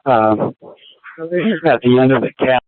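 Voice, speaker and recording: A man working as air command dispatcher, giving calm, procedural instructions over a two-way radio. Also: medium pitch, slow, no echo. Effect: heard over a two-way radio. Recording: tinny dry radio transmission.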